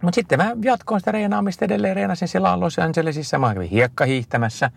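A man's voice: sits high, vocal fry, breathy edge. A middle-aged man answering an interviewer in casual conversation, telling long rambling stories full of fillers and restarts. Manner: rambling, lively storytelling with many fillers and restarts. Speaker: interview guest, endurance skier.

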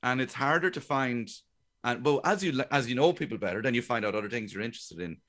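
A man's voice: medium pitch, quick pace. A middle-aged Irish man, a guest comedian, talking chattily and jokingly in a radio interview. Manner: chatty, animated, jokey storytelling.

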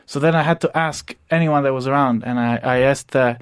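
A man's voice: medium pitch, fairly quick, clean tone. A young man from Croatia with a Croatian accent, a guest on a radio interview, telling his story steadily with some fillers. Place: radio studio.

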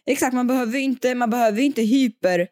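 A woman's voice: on the high side, a little mellow, dry recording, studio quality. A young woman co-hosting a casual podcast, chatty and rambling, often restarting sentences and laughing. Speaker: podcast co-host.

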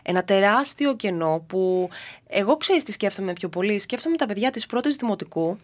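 A woman co-hosting a podcast in a casual, chatty way, asking lively questions. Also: mid-range voice. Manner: chatty, asks lively questions, laughs easily. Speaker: podcast co-host.

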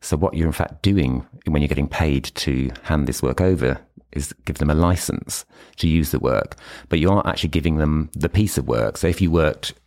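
Male British podcast guest, exceptionally deep pitch, instructive conversational delivery in a meeting room. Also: normal speed, few pauses, darkish tone. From United Kingdom. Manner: explains step by step with examples. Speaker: podcast guest, illustration licensing expert. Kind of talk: explanatory interview talk.

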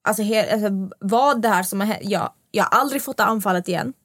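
A young woman hosting a casual podcast, telling a story with lively quoted dialogue. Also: medium pitch, no room sound, clean studio sound. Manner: animated storytelling, acting out quotes. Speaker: podcast host.

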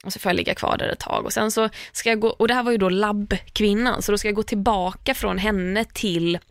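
A woman's voice: medium pitch, steady tone, dry recording, clean studio sound. A woman telling a personal story in casual chat, laughing often, swearing casually and acting out what others said.

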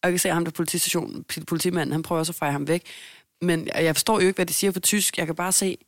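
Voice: mid-range voice, dry recording, studio quality. A podcast co-host telling a long story in casual chat and acting out the people in it. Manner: animated, acts out the people in the story.

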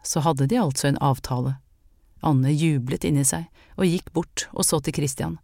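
An audiobook narrator reading a story in a calm, even way. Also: medium pitch, vocal fry, no echo, studio quality. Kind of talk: scripted narration.

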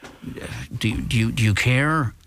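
A man with an Irish accent hosting a panel, asking probing questions in a conversational, halting way. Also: mid-range voice, a bit bright, slight background noise. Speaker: radio host. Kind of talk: conversational interviewing.

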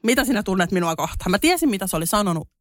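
A young woman with a Finnish accent, mixing in English words, co-hosting a podcast and telling a story in casual chat, her voice jumping high when she gets indignant. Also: sing-song, dry recording, studio quality. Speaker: podcast co-host.

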